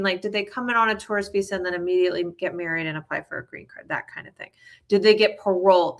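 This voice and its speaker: Woman, immigration attorney, lowish pitch, bright sound, chatty and reassuring answers. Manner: casual, explanatory, frequent fillers. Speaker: immigration lawyer. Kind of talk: live viewer Q&A.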